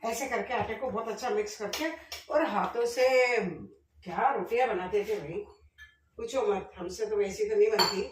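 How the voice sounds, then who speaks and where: A middle-aged woman cooking in her home kitchen, chatting directly to her viewers and speaking loudly on purpose. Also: medium pitch, moderate pace, distant mic, background noise. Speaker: vlogger. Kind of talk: casual cooking vlog. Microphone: camera set up at a distance. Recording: echoey kitchen, voice off-mic.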